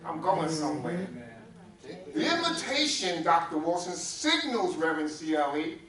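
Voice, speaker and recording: A man's voice: on the high side, sing-song, moderate pace, a bit bright. A man preaching a sermon as pastor, calling on congregants by name and drawing call-and-response from them in a church sanctuary. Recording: roomy echo, distant mic, faint hum.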